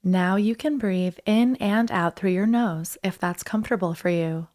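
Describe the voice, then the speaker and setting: Slow-paced woman guiding a breathing meditation. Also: medium pitch, darkish tone. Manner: soothing, unhurried instruction with pauses. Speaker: guided meditation instructor.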